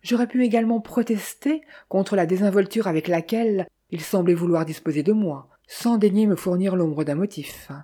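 Brief: female audiobook narrator, mellow and husky, steady measured reading. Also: mid-range voice.

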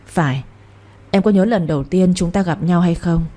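A woman voicing a cunning young master who explains his plans calmly. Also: fairly low pitch, normal speed, close to an everyday voice.

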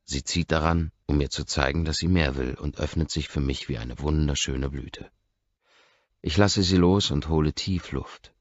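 A man narrating a novel in the first person, hushed and intimate. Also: rumbling low, normal speed, no room sound, lo-fi sound. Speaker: audiobook narrator.

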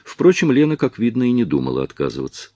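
A man's voice: mid-range voice, huge pitch swings, fast, dark tone, dry recording. A man reading a novel aloud as an audiobook narrator, telling the story expressively.

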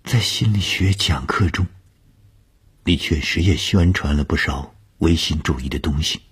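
A male narrator voicing a stern young woman Red Guard student, who speaks sternly, then in a hushed, earnest tone. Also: a bass voice, unhurried, slightly rough, full character voice.

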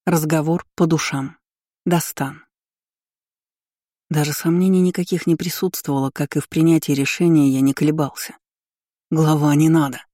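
A man narrating a first-person fantasy novel as an audiobook, with a steady, dramatic reading close to the mic. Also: on the high side, normal speed, no echo.

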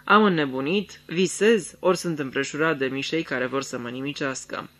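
A man's voice: on the high side, bright, forceful tone. A man voicing a cold, scheming young lord in a radio theatre reading, icy and commanding, flaring into thundering anger. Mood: furious.

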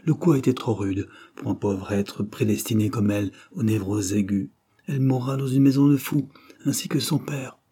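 A man voicing a grave, worried male doctor in an audiobook reading, sober and measured. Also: medium pitch, warm tone, slightly rough, close to an everyday voice.

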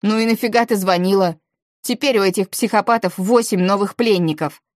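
A woman's voice: medium pitch, brisk, dry recording, clean studio sound, natural voice. A woman voicing a cool, blunt teenage boy who leads the group, in an audiobook. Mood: scornful. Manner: blunt, scornful.

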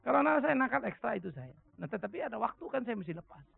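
A man's voice: quick pace, vocal fry, breathy edge. A middle-aged male pastor preaching a sermon, telling anecdotes animatedly and acting out the voices of the people in them. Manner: animated storytelling, acting out voices with big pitch jumps. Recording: dry, phone-like narrow sound.

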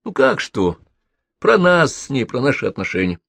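A man's voice: mid-range voice, very animated, vocal fry, dry recording, voice pushed up, full character voice. A man playing a flippant, irritable young man. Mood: flustered. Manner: sharp, quick-tempered, joking.

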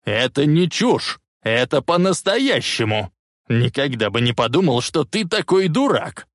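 A man voicing a wheezing, cranky old man who talks in a bossy, insistent way and turns shrill when angry. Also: expressive, unhurried, creaky, no echo, studio quality. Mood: furious.

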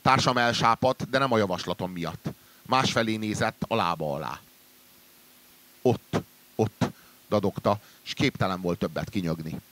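A man reading a literary story aloud in a measured way, trailing low and quiet at the ends of sentences. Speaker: reader.

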